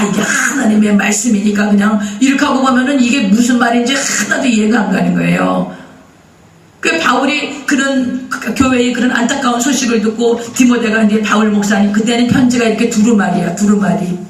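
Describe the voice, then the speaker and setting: A man preaching a sermon as pastor, telling a story in a lively way and asking the congregation questions. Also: very high-pitched, echoey room, recorded from a distance, rough recording. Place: church sanctuary.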